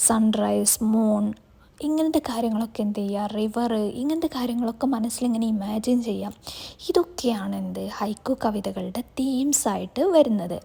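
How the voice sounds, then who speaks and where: A woman's voice: on the high side, gravelly, warm tone, breathy edge. A woman teaching a class lesson, asking questions and answering them herself, saying words.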